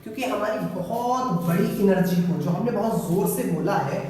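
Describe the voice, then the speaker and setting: A high-pitched male teacher explains a physics lesson playfully, asking his class questions and answering them himself. His voice sounds far from the mic in an echoey room with a long reverb tail. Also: moderate pace, a little mellow, a little hiss or hum. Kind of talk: classroom lesson with student-style replies.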